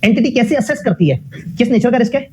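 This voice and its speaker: A man's voice: very high-pitched, expressive, quick pace, darkish tone, slightly rough. A man giving a classroom lecture. He puts questions to the class, answers them himself, and mixes English technical phrases into his talk.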